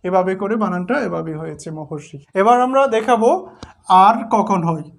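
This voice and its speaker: Patient classroom teacher, mid-pitched, walks through each example step by step. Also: animated, a little fast, creaky. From Bangladesh. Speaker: grammar teacher. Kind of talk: explaining sandhi at a board.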